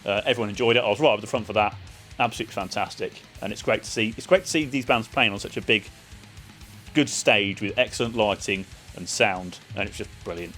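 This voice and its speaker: A man's voice: fairly low pitch, fast talker, fairly bright tone, faint music behind. A man giving a casual, chatty spoken review of a festival, loose and full of ums and uhs. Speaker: vlogger reviewing a metal festival.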